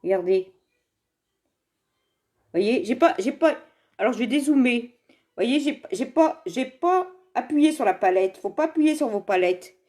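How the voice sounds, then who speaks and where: With a slightly high voice, lively intonation, and a darkish tone, this woman speaks a little slowly and pauses often. She is a direct seller from the Saint-Étienne area of France presenting makeup in a casual live demo at home, filmed on a phone camera in front of her, laughing frequently, rambling, and greeting viewers by name.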